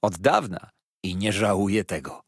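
A man's voice: low voice, animated, breathy edge, no echo, clean studio sound, full character voice. A man doing a plaintive bedridden old man. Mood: plaintive, fond. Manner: complaining, slow and plaintive.

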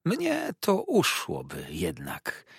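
A shrill, hissing Uriah Heep. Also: male voice, huge pitch swings, slow, vocal fry, fairly bright tone, slightly rough, dry recording, studio quality, full character voice. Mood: spiteful. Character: sneering, venomous young male clerk hypocrite.

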